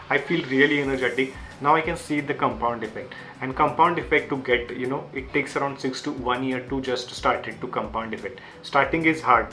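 Bright-voiced young man with Marathi Indian accent. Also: mid-range voice, low-quality recording. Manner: earnest non-native English with simple, repeated phrasing. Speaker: YouTube creator sharing book lessons. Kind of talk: self-help talk to viewers.

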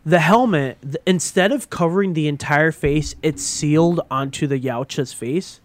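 A man's voice: fairly high pitch, moderate pace. A man chatting casually as a podcast co-host, rambling with lots of fillers and swearing. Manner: rambling, with many fillers and profanity. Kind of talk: casual chat.

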